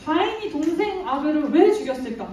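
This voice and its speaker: A woman's voice: high-pitched, lively intonation, a little fast, heavy background noise. A woman teaching children in Sunday school, telling a Bible story and asking them questions, praising their answers and laughing often. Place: church room with children. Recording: echoey room from far off.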